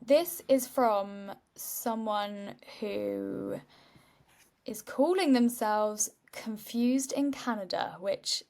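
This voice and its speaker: A woman's voice: medium pitch, extremely slow, darkish tone. A woman hosting a podcast, chatty and rambling, tired, laughing often. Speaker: podcast host. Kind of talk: casual chat.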